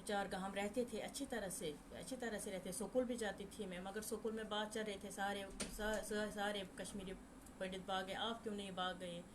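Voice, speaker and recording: Kashmiri-born woman guest, halting testimony with restarts, noisy live-stream sound. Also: medium pitch, fairly even intonation. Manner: repeats and restarts phrases. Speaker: guest recounting a massacre.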